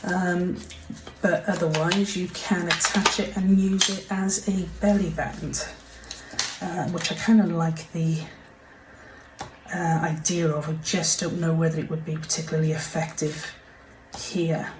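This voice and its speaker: A woman with a fairly low voice talks slowly through a casual crafting tutorial, chatty and apologetic, now and then slipping into a half-whisper. She sits some way from the mic in a roomy space, and dishes and pans clatter clearly in the background. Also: level tone, noisy background. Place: home craft desk. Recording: roomy, mic set far off, kitchen clatter behind.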